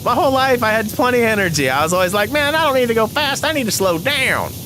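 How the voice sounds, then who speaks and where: A man's voice: very high voice, sing-song, fast talker, background noise. A man in his forties chatting casually over gameplay as a channel host, rambling with many fillers and frequent chuckles. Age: 40s.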